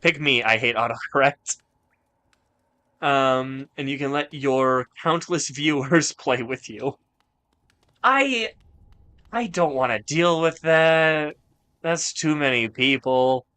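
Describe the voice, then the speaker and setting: A man's voice: mid-range voice, steady tone, slow, bright, forceful tone, clear, resonant tone. A man streaming a video game, chatting casually with his viewers, rambling and joking and swearing often. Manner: rambling, joking, swears a lot while reading chat. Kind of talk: casual gaming stream chat.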